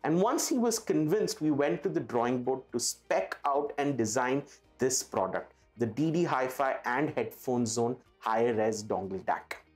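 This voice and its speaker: A man with an Indian accent presents an audio retailer's product to camera with enthusiasm and emphasis. He speaks at a measured pace with a medium pitch and lively intonation, backed by music.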